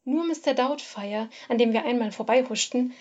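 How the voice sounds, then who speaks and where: A woman narrating a first-person literary story in a measured, expressive reading. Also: a little high, muffled recording.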